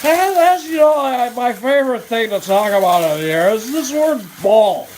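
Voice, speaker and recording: Guy putting on a loud old baseball announcer, rambling and hammy, high and pushing it, sizzling food noise around. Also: expressive, moderate pace.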